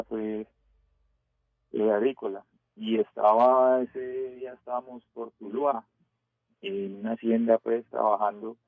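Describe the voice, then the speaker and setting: Caller on a tinny phone line. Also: male voice, on the low side, dry recording. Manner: hesitant, full of pauses and fillers. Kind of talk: telling a scary story on a call-in radio show.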